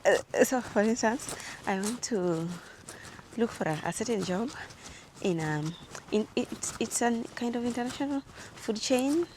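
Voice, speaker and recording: A woman's voice: a little high, unhurried, slight background noise. Chatty young woman vlogging outdoors. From Africa. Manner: lively, chatty, laughs often. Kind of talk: casual vlog storytelling. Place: outdoors, walking to the gym.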